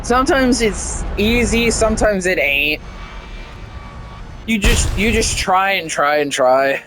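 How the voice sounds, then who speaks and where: A man's voice: sits high, expressive, takes it slowly, music in the background. A young man casually commenting while playing a flight game, rambling and chatty with frequent restarts. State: hiccups. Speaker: gameplay streamer.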